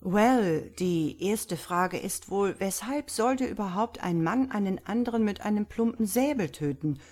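A woman voicing an impatient, sharp-minded male doctor who questions forcefully in a read-aloud story. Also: mid-range voice, lively intonation. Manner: forceful, sharp, quick to anger.

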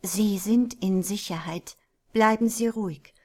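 A woman voicing a calm, measured, unseen interrogator speaking over a loudspeaker. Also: mid-range voice, pitched above the performer's own voice, close to an everyday voice. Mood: soothing.

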